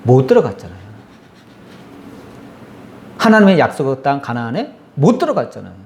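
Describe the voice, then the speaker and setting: A man pastor preaching a sermon, telling the story with animated voices for the complaining crowd and asking his congregation questions. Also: medium pitch, normal speed, a little hiss or hum.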